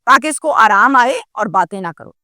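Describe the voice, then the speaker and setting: A woman's voice: a little high, lively intonation, bright, forceful tone, no echo, studio quality. A woman voicing a controlling, deceitful middle-aged man who gives curt orders. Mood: commanding.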